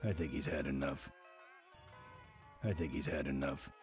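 A tough biker hero from an adventure game. His voice is extremely low and his lines are terse and deadpan. Music plays clearly behind him. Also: moderate pace. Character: gruff, laconic tough biker hero, adult man. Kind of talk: video game voice acting.

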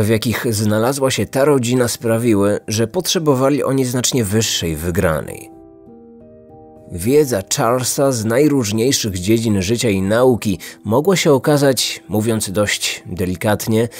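Medium in pitch and darkish in tone, the man's voice carries lively intonation at an unhurried pace. He's a Polish true crime podcaster in his thirties, narrating a scripted story with music playing behind him.

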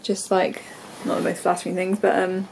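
This rough recording, with a little hiss or hum, captures a young English vlogger in her twenties rambling casually in her bedroom with many ums and likes. She holds the camera at arm's length, and her congested, stuffy voice is lowish, monotone, gravelly and a little mellow, at normal speed.

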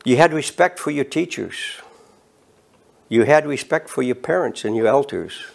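Gravelly eighty-year-old man preaching. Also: mid-range voice, animated. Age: 80s. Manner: earnest, measured preaching with emphatic rises. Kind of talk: sermon. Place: studio set with bookshelves and flags.

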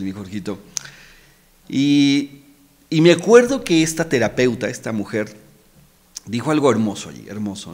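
A middle-aged man, talking as a podcast guest in a heartfelt, emotional way, often repeating words and adding little tag questions. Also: on the low side. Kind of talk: casual heartfelt conversation. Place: podcast studio.

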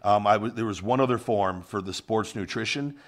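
A man's voice: fairly low pitch, fairly quick. A man hosting a podcast, talking in a loose, rambling casual way. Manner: loose, rambling, drops into goofy put-on voices. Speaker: podcast host.

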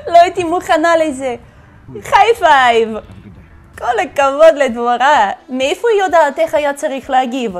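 A woman's voice: sits high, lively intonation. A woman hosting a casual reaction video, laughing often and exclaiming back at the clips. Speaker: host reacting to funny clips.

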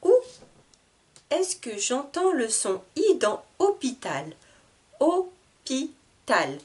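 A woman teaching an early reading lesson, saying each word slowly and clearly, breaking it into syllables and repeating it. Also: high voice, wildly swooping pitch, darkish tone. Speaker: French teacher. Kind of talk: slow, deliberate reading lesson. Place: classroom with whiteboard.

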